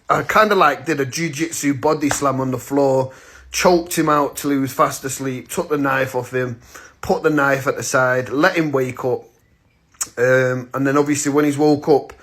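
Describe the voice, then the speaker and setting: Man, thirties, vlogger, casual storytelling, blunt, slangy, medium pitch. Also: a bit bright. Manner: blunt, slangy, acts out the moments he retells.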